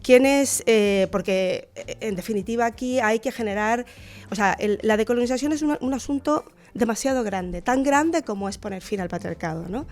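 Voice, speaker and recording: Chilean woman with a high voice. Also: moderate pace, darkish tone, faint music behind. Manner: thoughtful, many fillers and restarts. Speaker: guest researcher. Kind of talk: radio interview.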